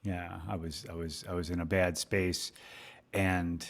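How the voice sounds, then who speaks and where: A man's voice: sits low, little pitch movement, unhurried. A man co-hosting a podcast, speaking hesitantly in candid conversation and often repeating words as he searches for them. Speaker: podcast co-host.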